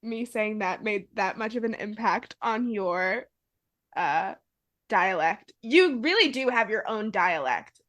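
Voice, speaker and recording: Bright-voiced young woman chatting casually. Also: medium pitch, animated, takes it slowly. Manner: chatty, laughs often, fillers of like. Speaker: podcast host. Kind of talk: casual chat.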